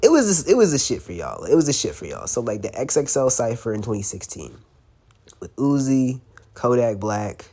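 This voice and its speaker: A young man with a congested cold hosts a casual solo podcast, chatting loosely in slang, swearing a good deal and laughing occasionally. His voice is mid-range and sing-song, at a moderate pace, with a dark, husky tone.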